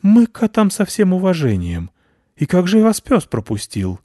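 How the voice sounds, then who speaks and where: A man voicing a nervous male bat who leads a colony, squeaking and fussing in a storybook reading. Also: wildly swooping pitch, moderate pace, dark tone, no echo, studio quality, full character voice. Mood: flustered. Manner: high, squeaking, fussy and flustered.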